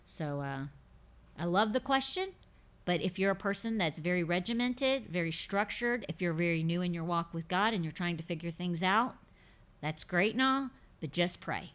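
A woman in her 50s hosts a faith podcast, answering listener questions in a casual yet emphatic way and often repeating words to drive her point home. Her voice is on the low side, smooth and fairly bright, with lively intonation and normal speed.

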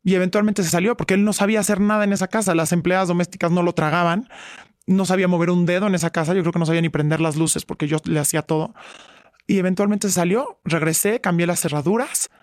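A woman's voice: on the low side, steady tone, fast talker, a little mellow, no room sound, studio quality. A middle-aged woman, a guest giving earnest personal testimony and acting out past arguments. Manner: earnest, retells quarrels by acting out both sides. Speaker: interview guest.

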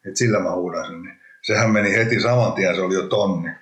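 Man, low voice, rambling and halting, roomy echo. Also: a bit bright. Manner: rambling, halting, with many restarts. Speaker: interview guest, former professional hockey player. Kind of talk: casual interview.

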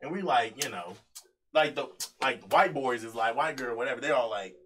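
A man's voice: mid-range voice, lively intonation, a little fast, a bit bright, faint music behind. A young man co-hosting a podcast, telling a story among friends in a casual, slangy way, laughing and acting out what others said. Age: young adult. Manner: slangy, laughing, acts out quotes. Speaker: podcast co-host. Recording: distant mic with background noise.

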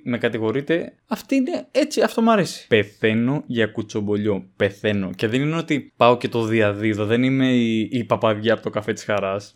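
A young man from Greece, a stand-up comedian hosting his podcast in a joking, animated monologue. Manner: joking, animated, with sudden jumps in pitch.

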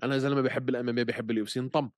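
A man with a Levantine Arabic accent chatting casually as a podcast co-host, telling things in an animated way and dropping English words into his Arabic. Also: mid-range voice, rapid-fire, no echo, studio quality.

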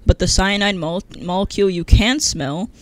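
High-voiced young man, blunt. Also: a little fast. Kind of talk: casual chat.

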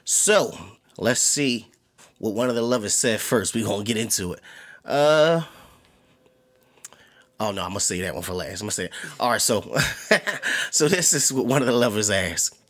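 A man's voice: lowish voice, animated, normal speed, long pauses, fairly bright tone. A man hosting a casual chat show, talking in a laid-back, slangy way and laughing often. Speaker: podcast host.

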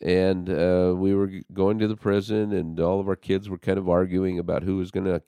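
Deep-voiced man telling an animated story. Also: a little fast, smooth, no echo. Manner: animated storyteller, acts out quotes. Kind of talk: storytelling in casual conversation.

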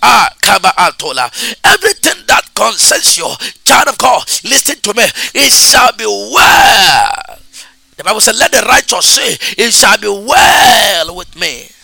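A man leading a fervent prayer, chanting repeated declarations that build into shouts. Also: high voice, sing-song, unhurried, vocal fry, breathy edge, dry recording. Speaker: preacher. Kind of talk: fervent prayer with speaking in tongues.

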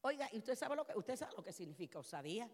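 A woman pastor preaching a passionate sermon, moving from soft, quiet passages to loud shouted ones. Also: mid-range voice, sing-song, fast talker, big-room sound. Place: church.

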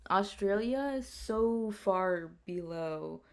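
A young woman co-hosts a podcast, chatting casually at a slow pace with lively intonation and a medium-pitched voice. Her talk is full of fillers and casual swearing.

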